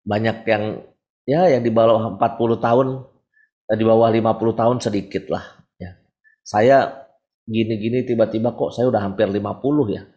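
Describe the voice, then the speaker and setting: A man's voice: on the low side, fairly even intonation, moderate pace, long pauses, mellow, highs cut off. Casual, frank priest in his forties. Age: 40s. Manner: conversational, frank, uses everyday examples. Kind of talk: sermon.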